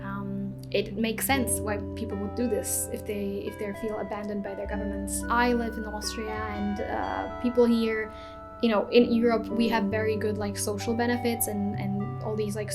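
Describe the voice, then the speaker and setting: A young woman from Slovakia talks frankly in a casual video rant, full of fillers and restarts. Her voice sits at a middle pitch for a woman, and music plays clearly behind her. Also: level tone, normal speed. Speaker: vlogger.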